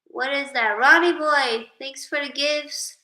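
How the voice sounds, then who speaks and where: A Swedish woman hosts a casual livestream, chatting as she reads comments and greets viewers by name, then drifts into spiritual musing about consciousness. Her high voice is bright and forceful, she takes her time, and the room is echoey.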